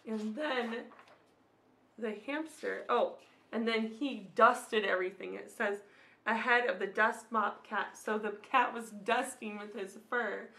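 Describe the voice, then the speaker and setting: This female storyteller for children, in her thirties, takes the picture book slowly, her slightly high voice gravelly, bright and forceful. She reads with plenty of expression and adds little questions and asides for the kids. It was recorded in a small, slightly echoey room at home.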